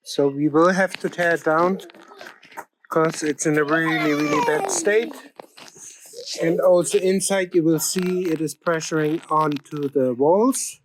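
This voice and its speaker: Through a rough recording with a little hiss or hum comes a calm man from Germany whose native tongue is German. His slightly high voice stays steady, broken by plenty of uh and um. As the channel's co-host and narrator, he chats casually and guides a tour.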